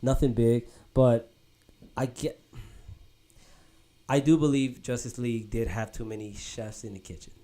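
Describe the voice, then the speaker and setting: A man's voice: mid-range voice, a little slow, pauses often. Rambling young man chatting on a podcast. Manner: rambling, animated, says "bro" a lot, restarts often. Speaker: podcast host. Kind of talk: casual chat. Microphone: podcast mic.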